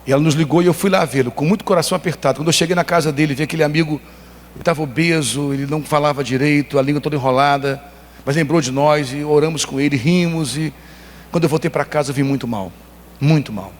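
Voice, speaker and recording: A Brazilian-accented man preaching a sermon in a church, telling stories with emphatic, animated emotion. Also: a little high, fast talker, slight background noise. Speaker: pastor. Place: church hall. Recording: long church hall reverb.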